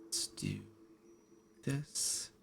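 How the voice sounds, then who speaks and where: A man's voice: very slow, a bit bright, slight background noise. A man running a tabletop game as game master, teasing his players and laughing often. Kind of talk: casual tabletop game chat.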